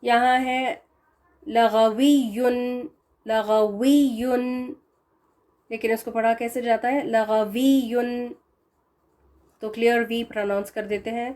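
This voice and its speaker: A woman teaching a recitation lesson, explaining pronunciation patiently and repeating example words slowly. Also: on the high side, level tone.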